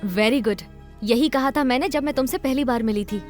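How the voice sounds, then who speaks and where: A woman's voice: sits high, moderate pace, darkish tone, soft background music, natural voice. An actress dubbing a confident young woman who coaches a stammerer, coaxing and mixing in English words. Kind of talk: Hindi film dub.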